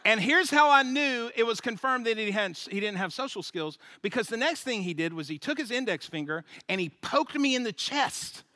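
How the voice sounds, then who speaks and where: Animated male guest preacher, comic storyteller, bright tone. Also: very high voice, normal speed, hardly any pauses, no echo. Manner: animated, joking, laughs at his own story. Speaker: guest speaker at a church. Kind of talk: humorous storytelling sermon.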